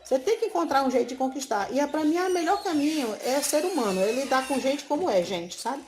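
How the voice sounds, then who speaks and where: Expressive woman teacher. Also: sits high, fast, background noise. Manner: expressive, tags sentences with "sabe?". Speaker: schoolteacher, interview guest. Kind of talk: casual interview storytelling.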